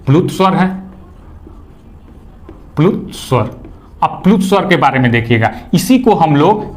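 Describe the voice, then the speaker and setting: A man's voice: on the high side, sing-song, unhurried, darkish tone. A male teacher giving an exam-prep grammar lecture, repeating key words, asking questions he answers himself and drawing vowel sounds out long to demonstrate them.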